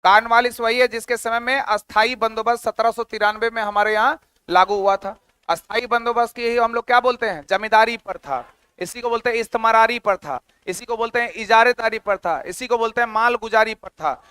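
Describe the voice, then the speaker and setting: A man's voice: very high voice, fairly quick, bright, forceful tone, clean tone, dry recording. A male teacher giving an exam-prep history lecture, asking questions and repeating the answers.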